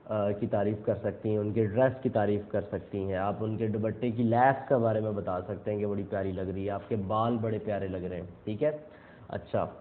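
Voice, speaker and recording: Tinny, phone-quality audio with a little background noise carries a young man's medium-pitched voice. He's a self-improvement speaker giving a relaxed how-to talk, moving step by step and pausing regularly to check in.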